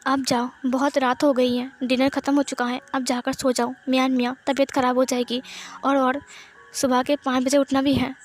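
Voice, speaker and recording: A woman's voice: high voice, flat delivery, moderate pace, lightly acted. A woman voicing a puzzled young man who bluntly turns down a friend, in a read-aloud fan story. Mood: firm.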